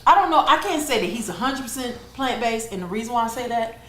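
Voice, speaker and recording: A chatty woman co-hosts, telling stories with a lively, up-and-down voice that sits fairly high. The room is echoey, and faint noise sits behind her. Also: fast. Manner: chatty, laughing, storytelling. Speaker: co-host. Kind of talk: casual chat.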